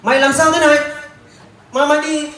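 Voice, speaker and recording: A man's voice: very high voice, little pitch movement, brisk, sharp tone, slight background noise. A man acting a stubborn, hot-tempered village husband in an amateur skit, blunt and scolding, with Hmong as his first language. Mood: angry. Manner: blunt, scolding, repeats himself. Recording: roomy, from a distant mic.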